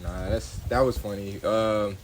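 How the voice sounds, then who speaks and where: A man's voice: on the low side, steady tone, measured pace. Slangy young man, "bro" every line. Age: 20s. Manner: slangy, says "bro" a lot, laughs often. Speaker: podcast co-host. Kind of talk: casual chat. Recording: noisy background.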